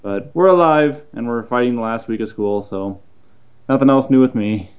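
A man's voice: medium pitch, moderate pace, clean tone, dull audio. A young man co-hosting a podcast in casual, joking chat, recorded in an empty, unfurnished room with an echo. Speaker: podcast co-host.

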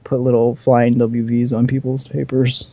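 A man's voice: medium pitch, completely flat delivery, moderate pace, mellow, no echo. A man co-hosting a casual sports talk show, giving easygoing football picks with some hesitant fillers. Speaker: sports podcast co-host.

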